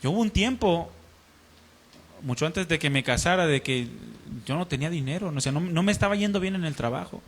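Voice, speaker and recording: A man's voice: on the high side, expressive, brisk, a little hiss or hum. A man preaching a sermon, earnestly telling a personal testimony and acting out the dialogue in it. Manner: earnest, acts out dialogue in his story.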